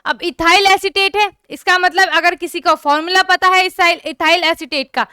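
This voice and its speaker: A woman's voice: very high-pitched, fairly even intonation, moderate pace, pushed and bright, no echo, clean studio sound. A young woman teaching an online chemistry class, often stopping to check whether her students have understood. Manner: repeatedly checks understanding, asks students to comment.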